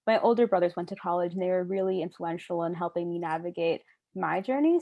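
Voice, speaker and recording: A woman's voice: lowish voice, a little mellow, dry recording. Young woman presenting, dry close sound. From Illinois, United States. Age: young adult. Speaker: student presenter. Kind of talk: prepared presentation. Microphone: video call.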